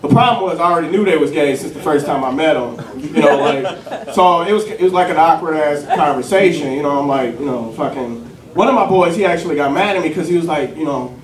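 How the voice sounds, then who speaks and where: High-voiced young comedian, profane and rambling. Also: male voice, brisk. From a city. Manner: loose, profane storytelling packed with fillers. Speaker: stand-up comedian. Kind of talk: stand-up routine. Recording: echoey club from a distant mic with crowd laughter.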